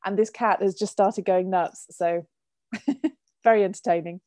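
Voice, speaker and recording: A British woman, a business coach, talking as a podcast guest over a remote call, with frequent laughs and quick bursts of speech. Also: medium pitch, fairly even intonation, no room sound. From United Kingdom. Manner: warm, laughs often, fast bursts. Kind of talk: casual podcast chat.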